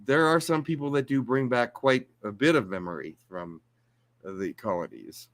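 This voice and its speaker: A man being interviewed as a guest, answering questions in a calm, explanatory way. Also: mid-range voice, moderate pace. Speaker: guest channeler.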